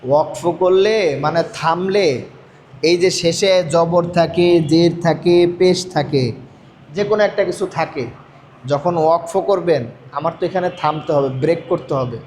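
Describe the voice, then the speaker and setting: A man's voice: on the high side, a little slow, a little mellow, slight background noise. Patient man drilling a reading class. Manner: patient, drills by repeating questions. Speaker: Quran reading teacher. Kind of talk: call-and-response reading lesson.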